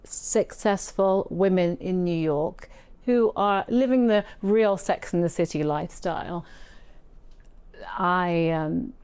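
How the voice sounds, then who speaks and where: A woman being interviewed, speaking reflectively in a casual conversation, with frequent restarts and soft laughs. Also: fairly low pitch, takes it slowly, smooth, no room sound. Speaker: interview guest.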